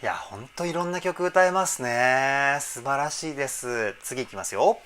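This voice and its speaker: A male vocal coach talking enthusiastically as he breaks down a song, pausing to try out the parts himself. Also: medium pitch, lively intonation. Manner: enthusiastic, explains while trying out sung examples. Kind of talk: reaction and vocal analysis talk.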